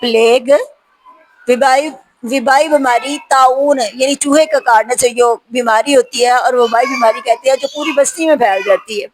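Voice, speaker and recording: A woman with a high voice runs a spelling practice lesson. She says each word slowly and clearly, then gives a short explanation with examples. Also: poor audio. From Pakistan. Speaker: teacher.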